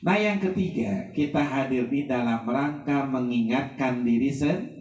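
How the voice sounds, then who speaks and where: A man's voice: unhurried, a little mellow, echoey room, far from the mic, a little hiss or hum. A man preaching a sermon, trading joking asides with raised preaching. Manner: joking, switches between low muttered asides and raised preaching.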